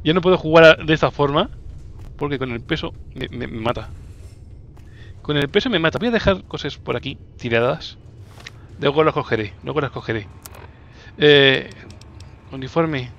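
A man from Spain, commentating a video game casually, teasing the enemy and breaking into excited shouts. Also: fairly high pitch, moderate pace, pauses often, lo-fi sound. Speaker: gameplay commentator. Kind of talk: casual let's-play commentary.

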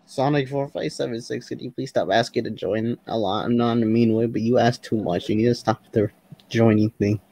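A man's voice: medium pitch, fairly even intonation, fairly quick, gravelly, mellow, no room sound, rough recording. A man chatting casually over voice chat while playing a game, rambling and laughing, often restarting his sentences. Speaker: voice chat role-player. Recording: faint background noise.

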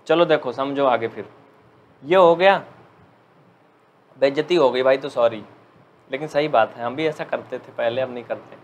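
A man teaching a live online maths class who jokes with students and dictates slowly. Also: medium pitch, dull audio, slight background noise. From India. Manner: chatty, joking, dictates slowly.

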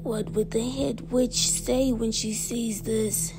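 A woman's voice: a little high, steady tone, slow, over music, voice pushed up, rough recording. A woman voicing a stern, fussy female witch teacher who scolds her class crossly in a storybook reading.

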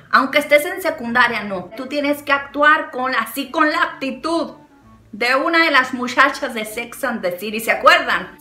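Woman, Mexican accent, young adult, high-pitched, bright, animated storytelling vlog, laughs often, echoey room, faint background music. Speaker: vlogger. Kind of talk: chatty storytelling and advice.

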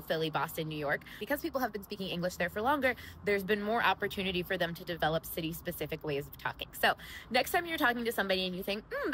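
A woman with a Central Ohio accent, explaining accents to viewers in a lively, casual way. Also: fairly low pitch, slight background noise, rough recording. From Central Ohio, United States. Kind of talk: casual educational explainer to camera.

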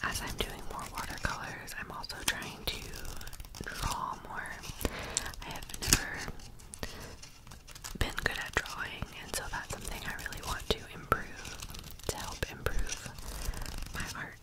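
Slow, whispering ASMR woman. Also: low-quality recording. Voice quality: breathy unvoiced whisper. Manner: slow, gentle-paced, hushed casual remarks. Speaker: ASMR video host. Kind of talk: whispered ASMR, showing and describing notebooks.

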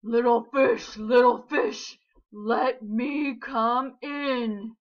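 A woman voicing a menacing, hungry big bad shark, booming slow drawn-out threats in a storybook reading. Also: steady tone, highs cut off.

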